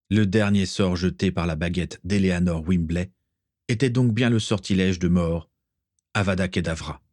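A man narrating a storybook aloud with an expressive reading. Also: low-pitched, dry recording, clean studio sound. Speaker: audiobook reader.

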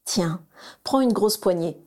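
A woman voicing a cheerful, affectionate mother who gently coaxes her children in a storybook reading. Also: medium pitch, animated, slow. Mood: cheerful coaxing.

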